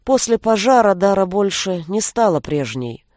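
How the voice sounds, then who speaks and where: A woman narrating an audiobook in a steady, even storytelling voice. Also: mid-range voice, normal speed, dry recording, clean studio sound. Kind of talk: scripted narration.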